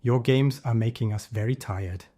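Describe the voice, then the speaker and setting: A man's voice: mid-range voice, moderate pace, warm tone, natural voice. A man voicing a group of kind, tired villagers in a children's storybook, speaking earnestly and pleading. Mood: weary.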